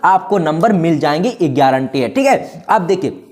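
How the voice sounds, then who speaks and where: A man's voice: a little high, lively intonation, moderate pace, darkish tone. A man teaching a Hindi exam-prep lesson, explaining step by step and often checking that students follow. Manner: explains step by step, keeps checking "ठीक है", calls students "दोस्तों" and "बाबू".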